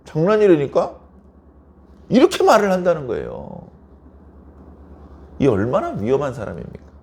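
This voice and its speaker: A male pastor preaching at an early-morning service. He talks conversationally, keeps asking the congregation rhetorical questions, and acts out little everyday quarrels as he goes. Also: fairly high pitch.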